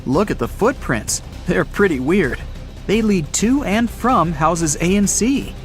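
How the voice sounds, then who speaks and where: Male narrator for riddle stories, slightly high voice, very animated delivery. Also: a little slow, soft background music.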